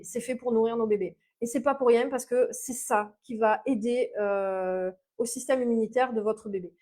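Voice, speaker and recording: A woman with a Mediterranean French accent and a slightly high voice explains diet tips as a naturopath. She speaks off the cuff, looping through fillers and restarts and stressing points with a quick "ok?". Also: darkish tone. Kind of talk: informal health advice video.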